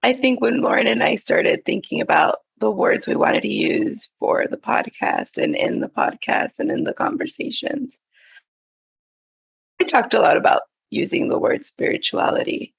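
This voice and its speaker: A woman co-hosting a podcast over a video call whose audio breaks up and freezes, speaking haltingly with restarts. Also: a little high, wildly swooping pitch, creaky, slightly rough. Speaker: podcast co-host. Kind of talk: casual conversation.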